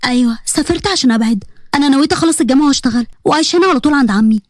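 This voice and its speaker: A woman's voice: high-pitched, very fast, darkish tone, dry recording, clean studio sound, natural voice. A woman voicing a hurt, stubborn young woman student with an Egyptian accent, talking earnestly and emotionally in a narrated story. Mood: confiding.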